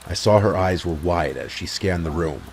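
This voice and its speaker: A man with a low voice reads a horror story in a measured, brooding way. Faint ambient sound sits behind him. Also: a little mellow, a little hiss or hum. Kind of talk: scripted horror narration.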